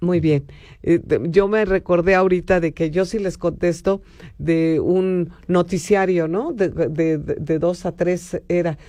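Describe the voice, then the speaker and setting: High-voiced radio host. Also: male voice, steady tone, a little slow, warm tone, dry recording, clean studio sound. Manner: chatty, with filler affirmations. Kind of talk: university radio interview.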